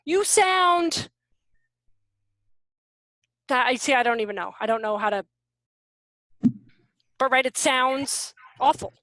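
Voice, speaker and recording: A woman giving a casual, animated teaching workshop over a video call from home, with quick asides. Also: sits high, no room sound. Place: room at home.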